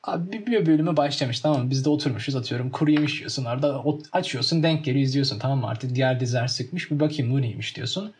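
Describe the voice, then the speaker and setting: A young man chatting casually and telling stories in a lively way, acting out scenes with mimicked sounds. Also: medium pitch, rapid-fire, few pauses, a little hiss or hum. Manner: animated storytelling, acts out scenes with mimicked sounds. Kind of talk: casual chat.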